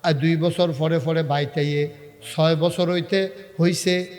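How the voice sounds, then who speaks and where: Preacher guy, sermon, goes from chanty wailing to quiet storytelling, big echoey hall. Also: little pitch movement, a little slow, faint music behind. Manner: swings from chanting wails to low storytelling. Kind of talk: Bengali waz sermon.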